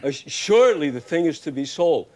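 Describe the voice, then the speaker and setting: An actor playing a humble, kindly old shepherd with hammy, theatrical stage Shakespeare delivery. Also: male voice, on the high side, lively intonation, a little fast, mellow, natural voice.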